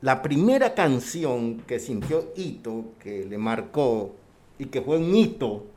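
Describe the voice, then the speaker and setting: A man's voice: medium pitch, animated, slow, darkish tone. A man hosting an interview in an announcer-like way, plugging the show by name as he asks his questions.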